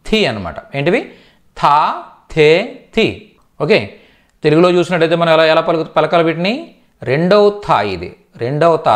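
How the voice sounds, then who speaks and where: A man teaching a live online class, explaining step by step and often asking students whether they understood, drawing out syllables when he spells out sounds. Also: a little high. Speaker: Hindi teacher.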